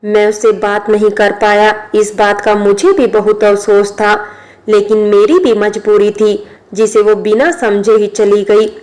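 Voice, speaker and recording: A woman narrates a story in a flat, steady reading voice with little rise and fall. She keeps to an even storytelling manner. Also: medium pitch, measured pace, poor audio.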